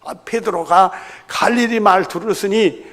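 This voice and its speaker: A man's voice: high voice, a little slow. A middle-aged male pastor preaching a sermon with a slight Chungcheong lilt, telling stories and acting out the voices in them. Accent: Chungcheong-tinged Korean. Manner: animated storytelling, acting out quoted voices. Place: large church sanctuary. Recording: long church hall reverb.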